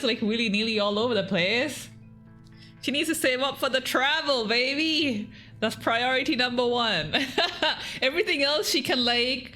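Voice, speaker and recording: A woman's voice: a little high, pushed and bright. A woman giving casual, sweary game commentary as a streamer, rambling and giggly.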